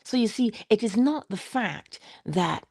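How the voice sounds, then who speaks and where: A woman giving an inspirational spoken reflection, slow and emphatic, posing rhetorical questions and dropping into soft whispered asides. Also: mid-range voice, lively intonation, no echo, studio quality. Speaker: inspirational speaker.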